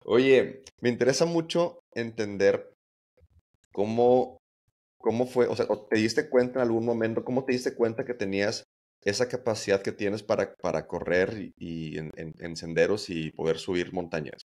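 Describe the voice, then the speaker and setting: A man with a Mexican Spanish accent hosting an interview, asking questions in a halting way that repeats words. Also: lowish voice, a little mellow. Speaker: podcast host. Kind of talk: conversational interview.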